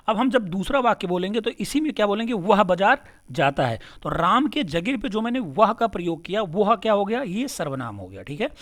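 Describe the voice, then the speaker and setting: A man's voice: high-pitched, a bit bright. A man teaching an exam-prep lesson. He asks questions and answers them himself, and repeats key words with "kya?".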